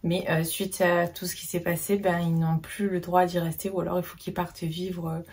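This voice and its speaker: Chatty husky woman book vlogger. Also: fairly low pitch, level tone, normal speed, a little mellow. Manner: chatty, many fillers and restarts. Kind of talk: casual reading vlog.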